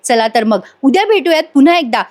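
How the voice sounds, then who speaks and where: A woman with a high voice recaps a soap serial in a chatty voice-over. She talks straight to her viewers in a casual, friendly way. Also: animated, fast, darkish tone. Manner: chatty, addresses viewers directly. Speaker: serial reviewer.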